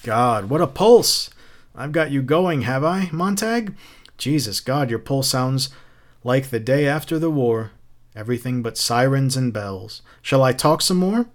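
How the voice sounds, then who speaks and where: Theatrical and mocking, a man plays a taunting, gloating fire captain who spouts literary quotes. He speaks unhurriedly and expressively, at a medium pitch close to an everyday voice.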